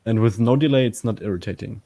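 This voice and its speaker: A man chatting casually on a stream, explaining things carefully in halting, unhurried phrases. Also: lowish voice, gravelly, warm tone, no echo. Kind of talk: casual chat. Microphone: microphone through an audio interface.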